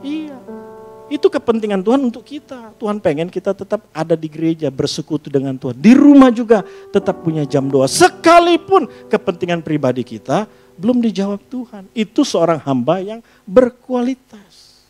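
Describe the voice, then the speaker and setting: A man preaching a lively sermon in a church, often asking the congregation for an amen and slipping in jokes and casual asides. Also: high-pitched, moderate pace, soft background music. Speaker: pastor.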